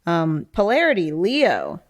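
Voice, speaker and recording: A woman's voice: on the low side, huge pitch swings, measured pace. A woman co-hosting a casual podcast, reading passages aloud from an astrology book and musing on them with lots of "um" and "like.". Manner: reads passages then muses on them, with many fillers like "um" and "like". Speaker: podcast co-host.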